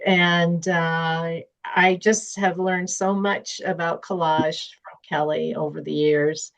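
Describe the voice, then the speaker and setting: A woman's voice: on the low side, steady tone, takes it slowly, vocal fry, low-quality recording. Giggly woman from Ontario, Canada. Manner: giggly, hesitant with many uhs. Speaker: participant. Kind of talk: casual chat.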